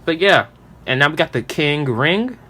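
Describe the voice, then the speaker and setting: A man's voice: a little high, animated, moderate pace, noisy background. A man casually unboxing and reviewing toys on his channel. He talks in a chatty, enthusiastic way, with loose fillers. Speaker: toy unboxing YouTuber.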